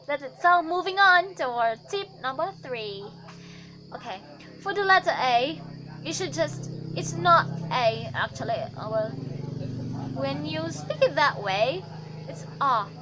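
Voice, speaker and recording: A woman's voice: high voice, low-quality recording. A young woman giving a casual vlog lesson on pronunciation, chatty, with many fillers and self-corrections. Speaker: accent tutor.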